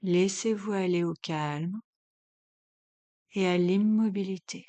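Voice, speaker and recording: Calm and measured, a yoga instructor with a medium-pitched voice guides a relaxation session, letting long pauses fall between her instructions.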